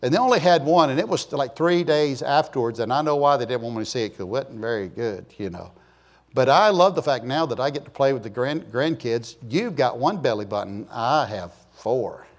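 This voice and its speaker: A man's voice: mid-range voice, animated, brisk. A man in his sixties preaching in a church in a rambling, folksy way, joking and telling stories to the congregation. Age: 60s. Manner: joking storyteller, chatty asides to the congregation. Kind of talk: folksy, rambling sermon talk.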